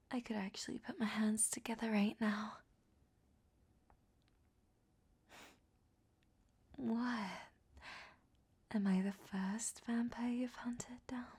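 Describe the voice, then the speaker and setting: Voicing a sly, seductive ancient vampire for a roleplay audio drama, the woman teases with sardonic wit in a breathy, hushed half-whisper at a medium pitch.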